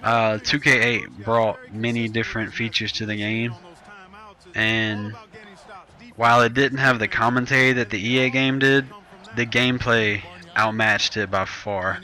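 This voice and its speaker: A man's voice: lowish voice, fairly even intonation, unhurried, sharp tone, rough recording. A nineteen-year-old man, chatting loosely over his gameplay as a gaming YouTuber and often correcting himself. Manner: loose, rambling, self-correcting chat. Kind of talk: casual gameplay commentary.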